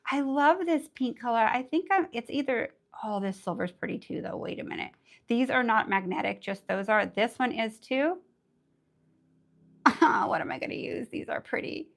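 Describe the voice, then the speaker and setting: Bubbly raspy-voiced woman teaching nails. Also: a little high, moderate pace. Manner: bubbly, excitable, chatty. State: under the weather. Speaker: nail art instructor. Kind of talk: casual live tutorial chat.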